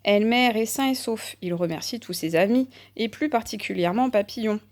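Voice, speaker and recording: Calm woman reading a children's story. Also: fairly high pitch, moderate pace. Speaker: narrator.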